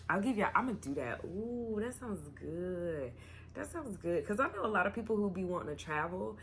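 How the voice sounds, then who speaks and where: Low-pitched, bright-voiced tipsy, giggly woman. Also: a little hiss or hum. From North Carolina, United States. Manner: tipsy, giggly, loose and rambling. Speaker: YouTuber host. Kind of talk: casual chatty Q&A vlog.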